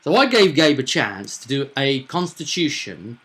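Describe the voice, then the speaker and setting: A man with a bright, forward, mid-range voice serves as game master in a tabletop roleplaying game, speaking at a moderate pace with a sing-song lilt. He explains casually and conversationally, often adding little tag questions to get agreement.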